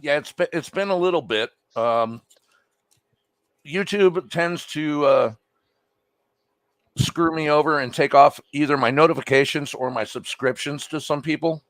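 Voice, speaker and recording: A man's voice: a little high, a little slow, fairly bright tone, no echo. A man chatting on a livestream, blunt and profane, teasing the host. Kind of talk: casual livestream chat.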